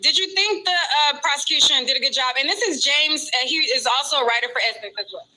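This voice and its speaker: Bright high-voiced woman live-streaming. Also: fast, low-quality recording. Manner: chatty, reads aloud then adds asides. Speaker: vlogger reporting outside a courthouse. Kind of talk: casual live-stream commentary, reading trial notes aloud.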